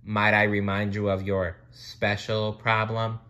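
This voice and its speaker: An earnest young mermaid princess, voiced by a man, speaking up high in a pleading, scolding tone. Her lines are bright and drawn out slowly, like a story read aloud. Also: level tone.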